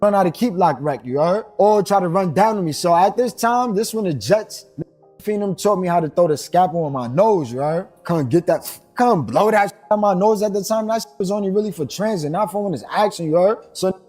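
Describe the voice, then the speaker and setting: A man's voice: high voice, animated, fairly quick, a little mellow, soft background music. A man telling a long, rambling street story, asking "you heard?" throughout. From New York. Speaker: storyteller in a played clip. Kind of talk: casual storytelling.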